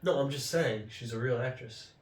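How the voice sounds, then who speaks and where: A man co-hosting a casual podcast, joking around in relaxed slangy talk. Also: mid-range voice, normal speed. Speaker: podcast co-host. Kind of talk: casual chat. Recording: echoey room, distant mic, faint hiss.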